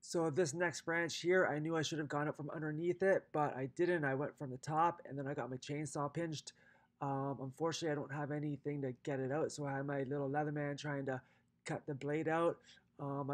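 A man in his forties narrating his own tree-cutting vlog in a rambling, self-critical, casual way. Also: on the high side. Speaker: vlogger, maintenance business owner. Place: outdoors in snow, with a later voice-over.

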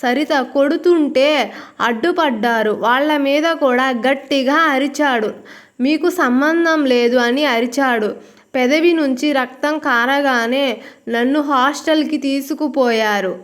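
A woman voicing a heartbroken young woman, a college student, in a hushed, tearful manner. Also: high voice, a little slow. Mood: upset.

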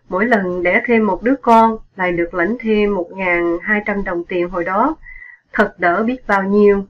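A woman reading aloud as a poor middle-aged father and ex-soldier, his talk turning to mournful wailing. The voice sits at an ordinary middle pitch. The storybook recording sounds dull and lo-fi. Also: natural voice.

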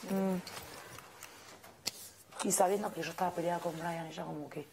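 A woman's voice: on the low side, fairly even intonation, vocal fry, noisy background. A young woman with an Argentine accent, gossiping indignantly and emphatically about another housemate. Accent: Argentine Spanish. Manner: indignant, complaining, fast and emphatic. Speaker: reality show housemate. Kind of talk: heated gossip chat.

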